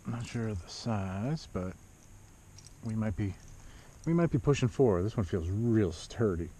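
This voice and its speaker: A middle-aged man fishing from a kayak on a lake gives animated running commentary in a lowish voice at a measured pace, using short, plain phrases. He's the angler and video host, and his action camera, mounted on his body or the kayak, records muffled, dull audio with loud outdoor noise.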